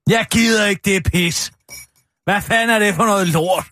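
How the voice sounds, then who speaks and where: A drunk, quarrelsome woman, voiced by a man, in a radio comedy sketch, high-pitched and sharp. She rants, swears and shouts her way through every sentence. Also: lively intonation, soft background music. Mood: ranting. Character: drunk, ranting woman named Kirsten.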